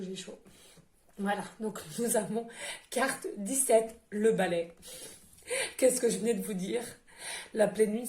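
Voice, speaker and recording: A woman's voice: medium pitch, gravelly, warm tone. Effusive French-speaking woman medium, echoey room. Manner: emotional, effusive, many fillers and repetitions. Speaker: medium doing oracle card readings. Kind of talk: casual spiritual card reading to viewers. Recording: echoey room with faint noise.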